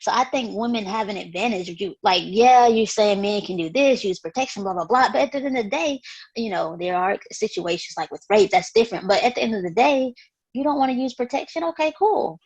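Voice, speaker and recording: A woman with a husky voice in a casual debate, blunt and challenging and free with swearing. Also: mid-range voice, lively intonation, fairly quick, a little mellow, dull audio. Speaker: talk show panelist.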